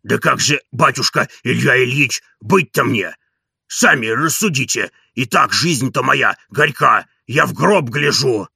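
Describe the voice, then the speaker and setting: A man's voice: medium pitch, unhurried, gravelly, bright, forceful tone, slightly rough, dry recording, studio quality, heavily acted. A man reading an audiobook and voicing a timid, grumbling old male servant who mumbles and pleads. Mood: pleading.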